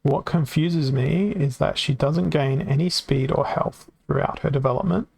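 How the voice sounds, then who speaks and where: Gravelly man rambling through a game stream. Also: a little high, normal speed, darkish tone. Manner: rambling, thinking aloud, self-correcting. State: voice getting worn from long talking. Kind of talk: casual game stream commentary. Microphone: desk microphone.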